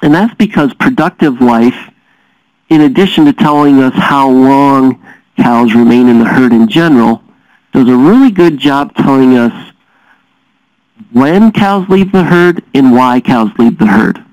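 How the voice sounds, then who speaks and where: A man lecturing as a dairy science teacher, explaining steadily and often pausing with "uh" fillers. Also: medium pitch, lively intonation, darkish tone, no echo, muffled recording. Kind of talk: recorded lecture.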